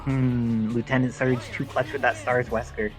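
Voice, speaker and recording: A man's voice: mid-range voice, level tone, moderate pace, music in the background, rough recording. A man giving live play-by-play commentary on a fighting game tournament, explaining mechanics and history at length. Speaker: esports commentator.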